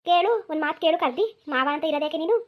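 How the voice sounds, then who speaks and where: A scheming cartoon village mother-in-law, as a woman voices her, nagging and repeating herself in a rural Mysore-region accent. She speaks high and rapid-fire. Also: muffled recording, natural voice. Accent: rural Mysore-region Kannada. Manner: nagging, insistent, repetitive.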